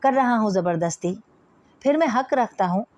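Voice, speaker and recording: A woman's voice: mid-range voice, moderate pace, warm tone, no room sound, close to an everyday voice. A woman reading the lines of a stern, domineering father who lays down the law to his daughter. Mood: angry. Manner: authoritative, commanding.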